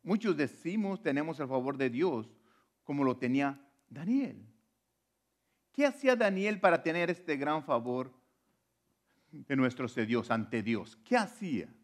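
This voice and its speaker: A man's voice: medium pitch, lively intonation. A man preaching a sermon, retelling scripture dramatically and asking the listener direct questions. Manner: dramatic pulpit delivery, slowing to stress quoted scripture.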